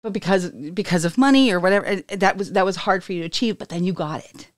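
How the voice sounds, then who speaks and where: Brief: chatty female podcast host, lower voice, dry close sound, animated storyteller. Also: fast talker, no echo. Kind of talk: casual conversation.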